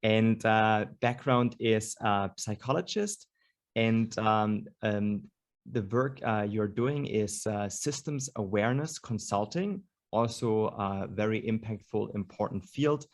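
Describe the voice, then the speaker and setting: A man's voice: fairly low pitch, slow pace. A man hosting an online panel over a video call, introducing speakers with many hesitations and fillers. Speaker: host.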